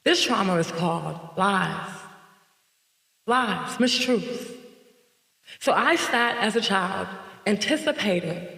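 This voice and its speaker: A woman from North Carolina hosting a podcast, telling her own story in a reflective monologue with slow, emphatic repetition. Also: mid-range voice, expressive, gravelly, fairly bright tone. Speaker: podcast host. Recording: echoey reverberant room.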